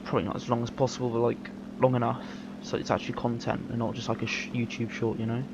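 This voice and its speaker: A man's voice: medium pitch, monotone, fast, vocal fry. A man giving casual, rambling commentary while playing a video game, often correcting himself mid-sentence in an easygoing way. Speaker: gameplay commentator. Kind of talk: casual live gameplay commentary. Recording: dull lo-fi mic with game noise. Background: game engine and vehicle noise.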